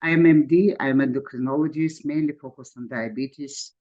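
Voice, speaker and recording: A man from Georgia, an endocrinologist, giving a conference presentation over a video call in halting non-native English with many fillers. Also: medium pitch, fairly even intonation, darkish tone, highs cut off. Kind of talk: webinar presentation.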